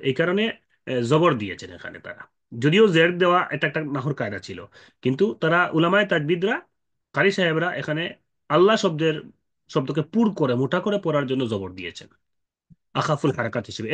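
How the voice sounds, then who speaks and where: A man's voice: a little high, a bit bright. A man teaching Quran recitation rules, explaining step by step with many fillers and repeated points.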